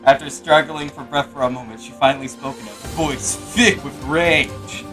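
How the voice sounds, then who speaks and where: A man's voice: medium pitch, poor audio. A man reading a novel aloud on a live stream from an apartment room, with casual joking asides. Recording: background game music.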